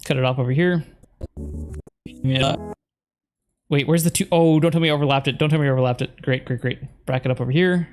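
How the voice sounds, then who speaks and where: A man's voice: medium pitch, a little fast, pauses often, faint music behind. A man streaming a game, talking casually to himself as he plays and edits his video. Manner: thinks aloud, muttering to himself. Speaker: gaming streamer. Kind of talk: casual commentary while playing and editing.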